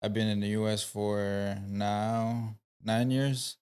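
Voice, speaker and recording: Smooth-voiced young man from Rwanda. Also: fairly low pitch, slow. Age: 20s. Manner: relaxed, leaning on fillers like "you know" and "like". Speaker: guest painter. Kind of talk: casual interview answers. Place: podcast studio.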